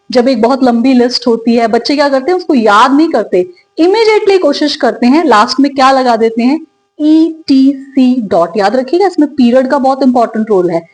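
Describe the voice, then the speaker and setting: A woman teaching English pronunciation, asking questions and drawing out the example words slowly. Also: high-pitched, darkish tone, rough recording. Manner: slow, drawn-out English model words; asks learners questions and answers them. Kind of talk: spoken lesson in Hindi with English examples.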